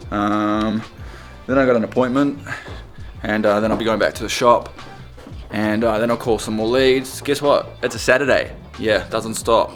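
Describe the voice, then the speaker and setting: A man's voice: lowish voice, a bit bright, reverberant. A man with a New Zealand accent who runs a car detailing business, talking casually in an informal, salesy way as a vlogger. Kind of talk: casual vlog talk and sales calls.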